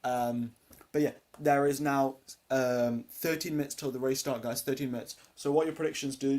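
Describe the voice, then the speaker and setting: A teenage boy whose voice is deep for his age and a little mellow hosts a casual live race watchalong stream. He rambles with lots of ums and uhs while answering questions from chat.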